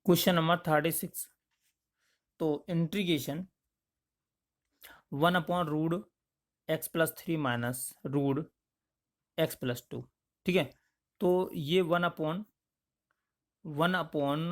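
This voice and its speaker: A man with a slightly high voice teaching maths as a voice-over. He goes step by step, talking through each part and often stopping to check in with "okay". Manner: explains in plain spoken steps, with frequent checks like "okay". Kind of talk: step-by-step lesson explanation.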